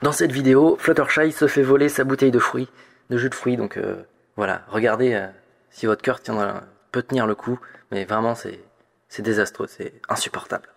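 A man runs through a weekly fandom news roundup at a mid pitch. He rambles and often stops to restart a sentence. Now and then he puts on a teasing mock-dramatic tone. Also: steady tone, fairly quick, vocal fry. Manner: rambling, lots of hesitations and restarts.

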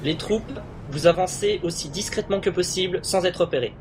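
A man's voice: sits high, brisk, slight background noise, pitched above the performer's own voice, natural voice. A man voicing a cold, calculating male rebel leader who gives curt, commanding orders in a fan audio drama.

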